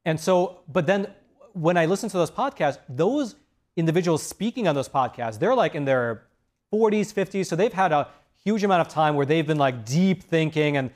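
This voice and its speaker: A man's voice: fairly high pitch, expressive, normal speed. A young man on a TV studio panel who talks in a rambling way, with many restarts, on a lapel mic.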